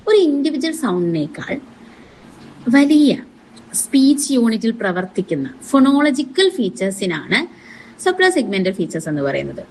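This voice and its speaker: A woman teacher, reading exam answers in measured English and then explaining them rapidly in Malayalam. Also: on the high side, big pitch swings, darkish tone, slight background noise, low-quality recording. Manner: reads English answers slowly and deliberately, explains in quick Malayalam.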